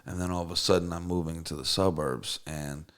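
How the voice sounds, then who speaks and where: This middle-aged man from Russia speaks Russian as his first language and is a guest who writes songs and produces. His low, fairly bright voice stays steady and smooth at a fairly quick pace. His interview storytelling is casual and meandering, full of fillers and false starts.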